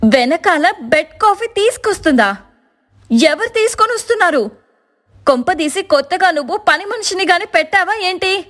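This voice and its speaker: Shrill spoiled young sister-in-law. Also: female voice, expressive, moderate pace, a bit bright. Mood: bossy. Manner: shrill, demanding, whiny. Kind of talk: cartoon voice acting.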